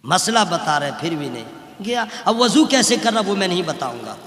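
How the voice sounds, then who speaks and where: A man giving a humorous sermon to a live religious gathering, animated and often shouting. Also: sits high. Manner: animated, often shouting, acts out little dialogues. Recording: echoey hall with long reverb, public address.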